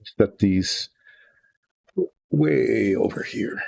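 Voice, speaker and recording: Older man, low gravelly voice, husky, easygoing rambling workshop chat. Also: animated, very slow, a little mellow, no room sound. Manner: rambling, thinking aloud with restarts. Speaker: hobby painting host. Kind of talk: relaxed workshop chat while painting. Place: home workshop.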